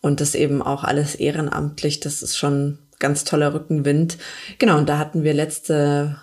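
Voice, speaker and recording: A woman's voice: low-pitched, completely flat delivery, normal speed, a little mellow. Earnest woman hosting a podcast, level tone, hesitant fillers. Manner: earnest, many fillers and restarts. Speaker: politician and podcast host. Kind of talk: casual podcast chat.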